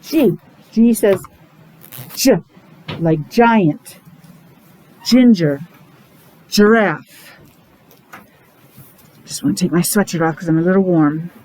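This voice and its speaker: In a rough recording with slight background noise, a middle-aged woman guides young children through a morning meeting using repeated phrases, questions and sounded-out letters. Her fairly low, somewhat mellow voice moves slowly, with long pauses, in the manner of a preschool or special education teacher.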